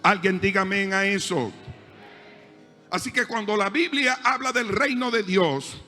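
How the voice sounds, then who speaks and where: A man's voice: sits high, measured pace, sharp tone, in a large hall, faint music behind. A male pastor with a Panamanian accent preaching a sermon, building emphasis and acting out the voices in his stories. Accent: Panamanian Spanish. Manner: preaching with rising emphasis, acting out dialogue in anecdotes. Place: church hall.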